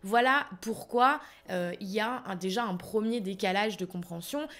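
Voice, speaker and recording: A French woman who founded a language school, teaching in an energetic, upbeat way and speaking directly to her viewers. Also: mid-range voice, moderate pace. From France. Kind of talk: teaching video, direct to camera.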